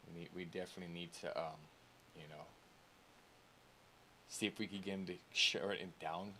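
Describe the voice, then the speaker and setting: A man's voice: low-pitched, steady tone, moderate pace, bright, forceful tone. A man speaking in a roleplay meeting, hesitant and full of ums. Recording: faint hiss.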